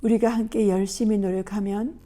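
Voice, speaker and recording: A woman voicing a mother who gently reassures her young son in a soft, encouraging way. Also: medium pitch, little pitch movement, moderate pace, close to an everyday voice. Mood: reassuring.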